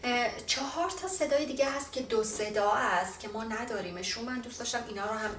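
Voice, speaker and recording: A woman from Iran gives a casual lesson on pronunciation, slowing down to model each English sound. Her voice is a little off the mic in a roomy space. A faint ambience runs behind her. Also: fairly high pitch, a bit bright, recorded from a distance, slight background noise. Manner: explains by modelling sounds slowly, with fillers. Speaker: language teacher.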